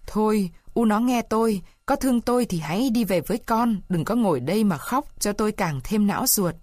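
A woman voicing a weak peasant husband who gently urges his wife home, in a storybook reading. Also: medium pitch, animated, fairly quick, no room sound, clean studio sound, close to an everyday voice. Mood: gentle. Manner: soft, urging.

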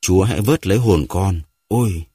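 A man voicing a hoarse, panting old grandfather who is full of guilt and rage in a read-aloud story. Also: low-pitched, fairly quick, warm tone, no echo, clean studio sound. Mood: anguished.

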